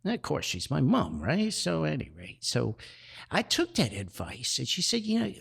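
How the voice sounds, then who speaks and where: A middle-aged podcast host and author tells nostalgic anecdotes in a casual, rambling manner, chuckling often. His medium-pitched voice swoops wildly, with a creaky, slightly rough, fairly bright tone at a normal speed.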